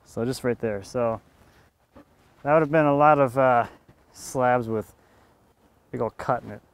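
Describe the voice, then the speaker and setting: Talking a little slowly in a clean, mid-range voice, a man in his thirties who runs a sawmill explains his work on site. He saws a log outdoors in the yard, musing aloud casually and chuckling every so often.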